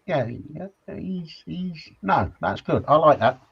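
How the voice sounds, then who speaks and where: A man's voice: fairly high pitch, very animated, slow, gravelly, husky. A man co-hosting a casual chat, easygoing and agreeable with short reactions, heard through slightly dull audio. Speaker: co-host of a hobby live show.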